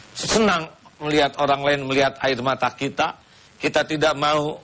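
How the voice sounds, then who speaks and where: An Indonesian man, a religious teacher answering questions on a talk show, speaking calmly and reciting Arabic verses with touches of humor. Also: medium pitch, slight background noise.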